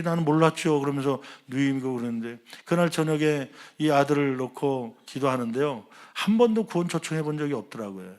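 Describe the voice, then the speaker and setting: Storytelling male pastor preaching. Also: fairly high pitch. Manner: storytelling, acts out quoted dialogue, swings between loud and hushed. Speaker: senior pastor. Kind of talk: Sunday sermon with personal story.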